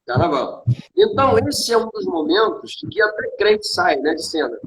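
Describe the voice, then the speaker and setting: A man's voice: high voice, wildly swooping pitch, moderate pace, creaky. A man with a Brazilian accent preaching in a conversation, emphatic, asking rhetorical questions and answering them himself. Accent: Brazilian Portuguese. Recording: echoey room with faint noise.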